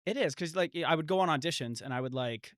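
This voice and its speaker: A young man, a podcast guest, telling stories in a lively casual chat, full of "like" fillers. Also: fairly high pitch, fast talker, dry recording, studio quality. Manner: animated storyteller, lots of "like" fillers.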